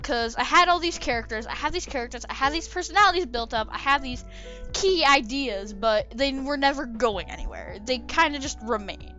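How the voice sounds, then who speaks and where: Over a speedpaint video, a woman casually chats about her own drawing, rambling, hesitating and often correcting herself. Her voice is high-pitched, pushed and bright, and the desk-microphone audio sounds dull.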